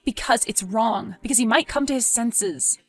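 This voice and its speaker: A woman voicing a soft-spoken young male teacher. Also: a little high, normal speed, faint music behind, natural voice. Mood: earnest. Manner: soft, subdued, earnest. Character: gentle young male teacher, hurt and principled. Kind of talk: animated story voice acting.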